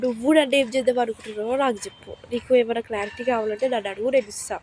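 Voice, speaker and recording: A woman's voice: a little high, fairly even intonation, very fast, darkish tone, a little hiss or hum. A young woman with a Telangana Telugu accent scolding and threatening her partner in a heated argument outdoors in public. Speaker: vlogger.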